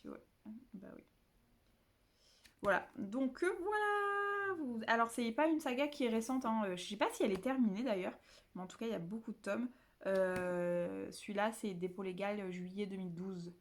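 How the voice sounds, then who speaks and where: A woman from the south of France talks casually to her camera about books. She rambles, restarts her sentences and fills pauses often. Her voice sits at an ordinary middle pitch. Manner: chatty, rambling, many fillers and restarts. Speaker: book vlogger.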